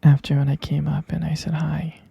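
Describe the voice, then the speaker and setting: In an intimate ASMR roleplay, a man acts out a tender, protective vampire boyfriend, fond and teasing, in a very husky, breathy murmur that's soft, dark and thick with creak. Heavily acted yet flat in delivery and a little high, he speaks at normal speed but hesitates between pet names and gentle teasing. The audio has no echo and its highs are cut off.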